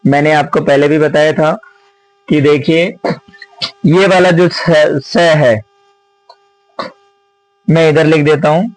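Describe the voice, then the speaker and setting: A man with a fairly high voice talks through exam questions in a Sanskrit grammar lesson. He explains slowly, repeats each answer and keeps asking his students rhetorical questions. The recording is dry, with almost no room sound. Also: little pitch movement, no echo, faint music behind, rough recording. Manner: slow, repetitive explaining with many rhetorical questions.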